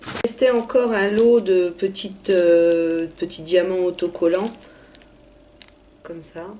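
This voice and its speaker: A hoarse young woman, raspy from being ill, chatting through a casual haul video with many hesitations. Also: lowish voice, fairly even intonation, slow pace, dark tone. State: hoarse from illness. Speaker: vlogger.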